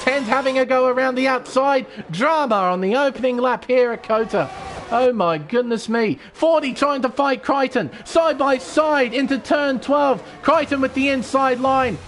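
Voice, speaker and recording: High-pitched man doing motorsport commentary. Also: normal speed, a bit bright, slight background noise. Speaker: motorsport commentator for online sim racing. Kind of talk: live motorsport race commentary.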